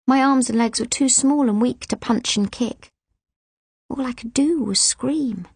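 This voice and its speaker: Woman audiobook narrator, husky and gravelly, expressive first-person reading. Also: on the high side, measured pace, no room sound. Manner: expressive, emotive storytelling. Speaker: audiobook reader.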